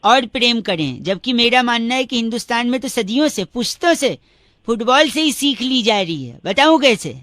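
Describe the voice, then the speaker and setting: A man doing a bright, cheeky prankster voice. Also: very high-pitched, animated, moderate pace, dry recording, studio quality. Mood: mischievous. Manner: silly, pun-loving, mock-polite. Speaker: radio prank caller. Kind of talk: radio prank call.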